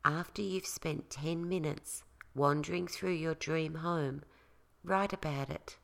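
A woman narrates a guided relaxation exercise from a script. Her voice sits low, with a touch of creak at the edges. She speaks very slowly and calmly, giving each instruction room with pauses. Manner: slow, calming, instructional delivery with pauses.

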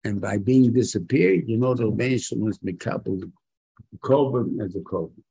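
A man's voice: fairly low pitch, lively intonation, moderate pace, gravelly, mellow, husky, poor audio. A man gives an informal religious lecture as a rabbi, using rhetorical questions and short, emphatic repetitions. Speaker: rabbi giving a Torah lesson.

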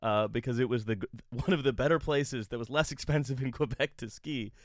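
A man's voice: medium pitch, fairly quick, no echo, clean studio sound. A man co-hosting a podcast, telling a rambling story in casual chat with a lot of restarts. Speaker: podcast co-host.

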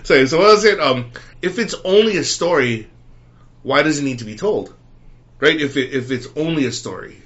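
Animated guy on a podcast, bright voice, muffled lo-fi sound. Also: a little high, normal speed. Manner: animated, laughs often, acts out quotes. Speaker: podcast co-host. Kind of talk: casual chat. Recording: dull lo-fi sound.

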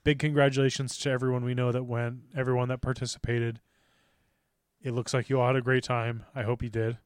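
Male co-host, casual gaming talk, upbeat, smooth tone, dry close mic. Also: medium pitch, level tone, brisk, dry recording. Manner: upbeat, explains game strategy, laughs often. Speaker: podcast co-host.

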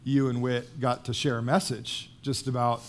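A man's voice: medium pitch, little pitch movement, normal speed. Man hosting a casual church interview.

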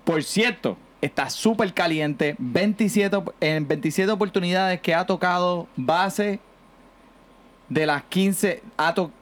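A man hosting a casual sports podcast from home, energetic and teasing as he rattles off stats. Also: high-pitched, slow pace. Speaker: podcast host. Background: music bed.

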